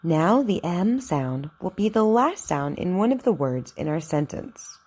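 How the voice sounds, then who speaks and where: A woman giving an instructional articulation drill, enunciating deliberately and encouraging the learner as she models sentences to repeat. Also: fairly low pitch, sing-song, a little mellow, husky. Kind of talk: instructional drill, reading practice sentences for repetition.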